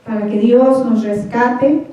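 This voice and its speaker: A woman's voice: on the high side, steady tone, slow pace, dark tone. A woman preacher giving a fervent sermon in a church hall, often calling out to the congregation. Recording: echoey hall, voice from far off, dull sound.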